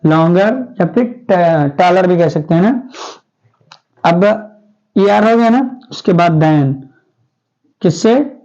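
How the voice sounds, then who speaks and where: A man's voice: sits high, lively intonation, takes it slowly, long pauses, a little mellow, highs cut off. A male teacher giving a grammar lesson in a classroom. He keeps asking the class questions and then answers them himself.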